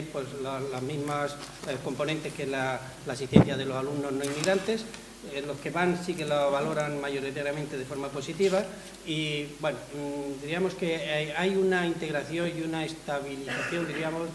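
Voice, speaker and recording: A man presents findings at a panel in a somewhat high voice, halting on fillers and letting phrases trail off quietly. The room is roomy and echoing, with faint noise behind. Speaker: panel speaker, university lecturer. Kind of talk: conference presentation. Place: hall at a round-table event. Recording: echoey hall, faint noise.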